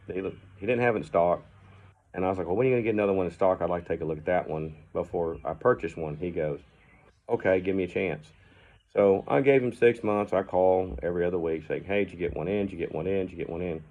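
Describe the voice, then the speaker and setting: Deep-voiced blunt man, tinny audio. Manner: casual, blunt, cusses freely. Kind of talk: casual storytelling.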